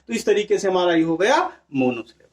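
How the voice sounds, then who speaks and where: A man's voice: high-pitched, big pitch swings, a little fast. A man teaching a grammar lesson. He asks his class questions, answers them himself and repeats the key words.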